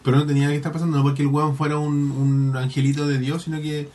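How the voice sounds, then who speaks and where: A man's voice: on the high side, level tone, fast talker, dark tone. A man with a Chilean accent hosting a podcast, recapping an episode in a rambling, slangy casual chat. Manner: slangy, rambling, full of colloquial swearing. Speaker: podcast host.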